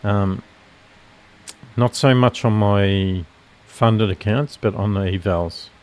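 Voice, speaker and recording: Lowish, nasal male streamer; loose, rambling live-trading commentary full of restarts. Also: slow pace, a little mellow. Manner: rambling, self-correcting explanation with fillers. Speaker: futures trader streaming live.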